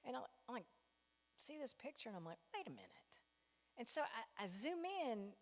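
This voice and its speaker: A woman's voice: on the high side, expressive, fairly quick. A woman doing a stand-up comedy set, telling stories and acting out the people in them. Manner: storytelling, acts out characters with big voice swings. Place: church hall with a live audience. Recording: long reverb of a large hall.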